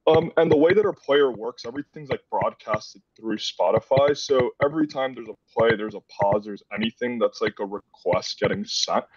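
Over a video call headset, a twenty-something from the Dominican Republic casually walks through his student project, saying "like" a lot. He speaks in a mid-range, breathy voice at a moderate pace with hardly any pauses. There is no room sound, and the audio comes across dull and distant.

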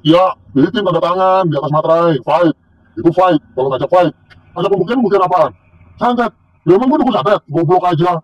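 A middle-aged male vlogger rants casually to camera outdoors by a tree near a corn field, mocking, scornful, and taunting with laughs. His voice is high-pitched and husky. He records himself on a handheld camera or phone, and the sound is muffled and lo-fi.

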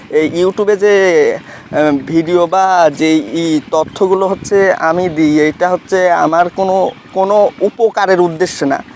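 A man with a Bangladeshi accent reciting a mantra in slow verse, then explaining how to use it in plain talk with many fillers. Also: high voice, a little hiss or hum. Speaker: tantric mantra teacher. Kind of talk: mantra recitation and spoken instructions.

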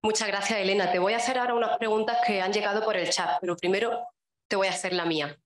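A woman with a Spanish accent moderating a conference session, putting questions to the speaker in a measured way. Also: medium pitch, fairly even intonation, reverberant.

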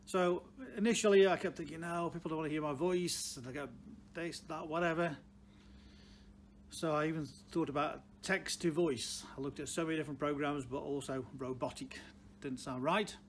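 An older man from the Potteries speaks in a Stoke accent at a slightly raised pitch. He gives off-the-cuff, plain-spoken advice as a car dealer talking to camera. Some background noise of a showroom sits behind his voice. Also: fairly even intonation, moderate pace. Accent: Stoke-on-Trent (Potteries). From Stoke-on-Trent, England. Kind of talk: unscripted direct-to-camera advice talk. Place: large indoor car showroom.

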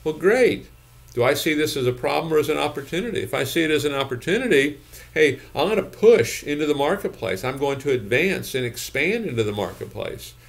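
A man's voice: a little high, expressive, fairly quick, vocal fry. An older man in his sixties, a gym business consultant, giving emphatic advice to camera from a home office, repeating his points and checking in with "okay?". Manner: emphatic, repeats phrases, frequent "okay?" and "you know".

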